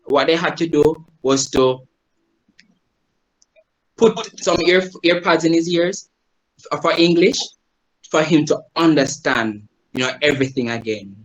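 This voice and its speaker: Guest-presenting to a group over a video call, this Jamaican Chinese teacher is explanatory and conversational, frequently asking the audience "right?". He speaks unhurriedly, with frequent pauses, in a voice on the high side. The audio is poor.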